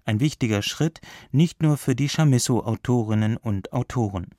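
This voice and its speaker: A man narrating a scripted radio report in a calm, formal way. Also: medium pitch, moderate pace, no echo, clean studio sound.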